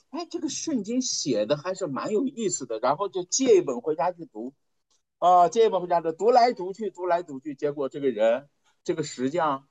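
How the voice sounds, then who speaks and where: A man preaching a storytelling sermon, conversational and folksy, repeating phrases for emphasis and often letting his voice sink low and quiet at the end of a point. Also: low-quality recording.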